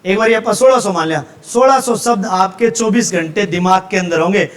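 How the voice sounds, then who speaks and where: A man's voice: high voice, moderate pace. A male teacher with a Haryanvi accent giving a classroom lecture, explaining step by step and checking in with his students often.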